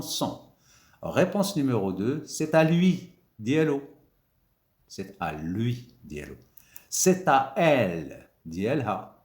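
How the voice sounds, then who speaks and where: A man's voice: on the low side, darkish tone, roomy sound. A man teaching French grammar, repeating key words with emphatic rises and mixing in Arabic glosses. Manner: switches between French and Moroccan Arabic glosses. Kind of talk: grammar lesson explaining examples.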